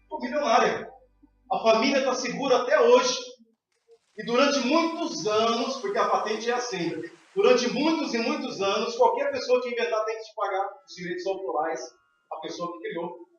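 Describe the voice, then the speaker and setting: High-voiced preacher in an echoey church. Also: male voice, moderate pace, a little hiss or hum. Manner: emphatic preaching, repeated calls to the congregation. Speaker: pastor. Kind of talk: sermon. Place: church hall. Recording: echoey hall, distant, dull sound, faint music.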